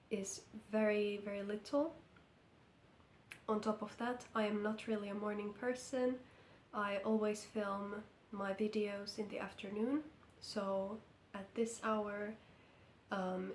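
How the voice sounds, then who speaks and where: In a casual vlog update, a Finnish knitting vlogger speaks slowly, carefully and hesitantly, her mid-range voice croaky from illness. She's in an indoor room under lamp light, with roomy acoustics and slight background noise.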